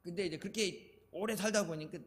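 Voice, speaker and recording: High-voiced older pastor in echoey church. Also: male voice, brisk. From Chungcheong, Korea. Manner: chatty storytelling preaching, laughs at his own anecdotes. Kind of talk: sermon. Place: church sanctuary. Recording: echoey church hall reverb.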